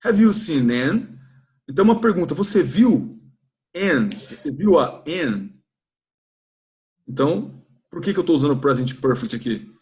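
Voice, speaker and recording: A man with a Brazilian Portuguese accent teaching an English lesson in a church classroom, stretching out model phrases slowly for students to repeat. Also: on the high side, lively intonation, darkish tone.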